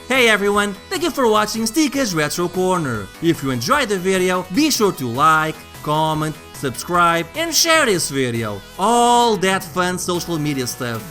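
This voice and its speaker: A man hosts a video game review in a wry, conversational way. His delivery is lively and varied, with soft music running behind the scripted narration. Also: sits high, measured pace, hardly any pauses. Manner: conversational, wry, jokey asides. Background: background music.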